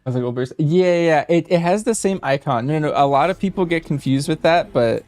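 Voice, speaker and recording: A man's voice: fairly high pitch, quick pace, a little mellow, dry recording. A man casually chatting with viewers and answering questions as he streams a game. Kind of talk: casual chat with stream viewers while gaming.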